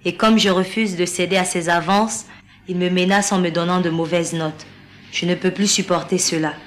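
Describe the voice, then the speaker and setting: An actress playing a young female student in a TV drama, with a flat, robotic delivery, recorded in an echoey room. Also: lowish voice, moderate pace, natural voice. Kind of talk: TV drama acting. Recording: echoey room with faint noise.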